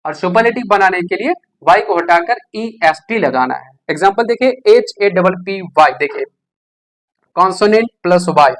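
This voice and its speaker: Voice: medium pitch, expressive, normal speed. एक शिक्षक, धीरे-धीरे नियम समझाते हुए. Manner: explanatory, asks rhetorical questions, frequent "है ना?" checks. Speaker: English teacher. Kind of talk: classroom-style grammar lesson.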